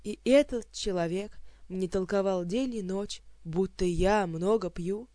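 A reader voicing a brawny, angry male warrior who scolds and mocks in a gruff manner. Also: mid-range voice, measured pace, darkish tone, no room sound, studio quality, close to an everyday voice. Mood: angry scolding.

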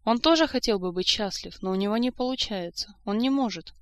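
A woman's voice: medium pitch, a little fast, no echo, pitched above the performer's own voice, lightly acted. A woman reading as a plain-spoken young nobleman, heir to a throne, grumbling about his cousin. The voice is dry and close, with no room around it.

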